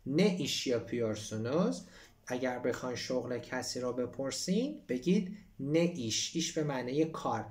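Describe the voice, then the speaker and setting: A man with a background teaching Turkish in a relaxed online lesson. His voice is lively and animated, rising and falling a great deal. He reads the Turkish lines slowly and then explains them in easy, chatty speech. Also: mid-range voice, far from the mic. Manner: switches between Persian explanation and slow Turkish reading.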